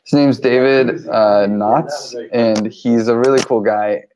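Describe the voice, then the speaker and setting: A man's voice: medium pitch, steady tone, slow, crowd noise. A man talking casually in an online meeting, rambling with many fillers. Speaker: team member reporting on campaigns. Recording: dull lo-fi call audio.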